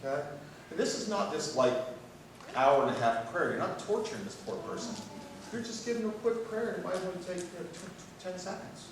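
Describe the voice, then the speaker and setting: An older male pastor preaching in a folksy, storytelling way, his voice a little higher than most men's. It was recorded from far back in a very echoey church, and noisy room sound hangs behind him. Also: lively intonation, brisk. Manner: folksy storytelling with light humor. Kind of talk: sermon. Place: church sanctuary.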